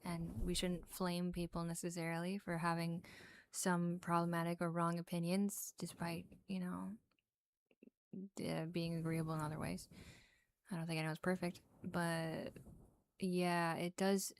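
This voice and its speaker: Lower-pitched woman chatting casually on stream. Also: flat delivery, moderate pace. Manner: informal, musing, hedging. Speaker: ASMR streamer chatting with viewers. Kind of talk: casual livestream chat. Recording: background noise with small clicks.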